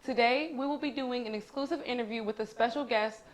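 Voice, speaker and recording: A woman's voice: on the high side, brisk, roomy sound. A woman hosting a studio interview, asking friendly, long, multi-part questions. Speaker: interviewer, network host.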